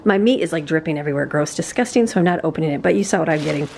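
Her low voice has vocal fry and a slightly mellow quality, and she talks at a racing pace with slight background noise. A family vlogger in her forties, she rambles and laughs casually through a grocery haul on a handheld camera, first at a kitchen counter, then on a porch outdoors.

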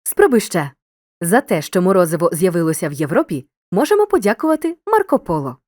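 A woman narrating a scripted grammar lesson as a teacher, giving clear instructions and speaking straight to the learner. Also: fairly low pitch, sing-song, quick pace, darkish tone, dry recording. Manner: clear didactic instruction, addresses the learner directly.

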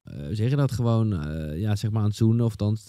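Male podcast host; agreeable, conversational, mellow dry tone. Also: on the low side, expressive, a little fast, dry recording. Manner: agreeable, many short affirmations. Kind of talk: casual interview chat.

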